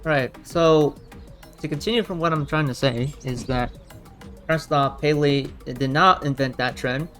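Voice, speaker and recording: A man's voice: on the high side, a little slow, fairly bright tone, soft background music. A man giving unscripted, argumentative commentary in a blunt, rambling way. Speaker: reaction commentator.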